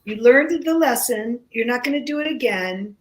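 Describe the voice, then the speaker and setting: A Greek-speaking woman appears as a guest in a relaxed radio chat, talking slowly and haltingly with frequent pauses and restarts. Her voice is on the high side and expressive, though the audio is poor.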